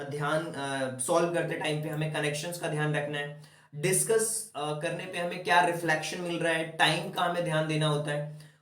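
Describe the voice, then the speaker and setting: A young male teacher coaches students through an exam-prep lesson, slipping English terms into his chatty explanations. His voice sits a little high. He is heard in an echoey room, set back from the microphone. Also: distant mic. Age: young adult.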